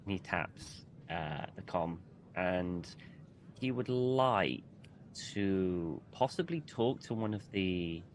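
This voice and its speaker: A man plays his character in a tabletop game, stopping and restarting as he searches for words. His low voice swings lively up and down. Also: slight background noise. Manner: hesitant, halting with many restarts. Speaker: player.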